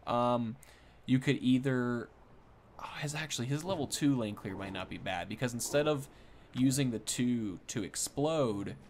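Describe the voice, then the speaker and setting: Over clearly audible game sounds, a young man with a mid-range voice rambles casually through his gaming video. He thinks aloud unscripted, speaking at a moderate pace.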